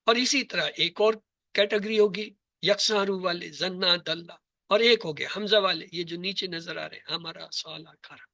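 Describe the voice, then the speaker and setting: A man teaches an Arabic grammar lesson, going through each example slowly and spelling out letters and words one by one, repeatedly posing questions to the class and answering them himself. His high-pitched voice is bright, forward and gravelly, captured close and dry with no room sound.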